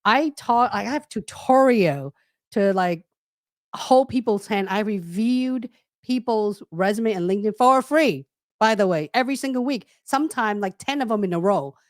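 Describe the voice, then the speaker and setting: A woman career coach speaking casually and frankly on a video call, animated and calling out her listeners. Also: mid-range voice, normal speed, dry recording, studio quality. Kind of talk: casual webinar talk.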